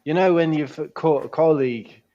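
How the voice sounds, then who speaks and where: A man's voice: fairly high pitch, moderate pace, warm tone, dull audio. A man co-hosting a podcast, chatting in casual banter, swearing freely and calling the others mate. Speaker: podcast co-host.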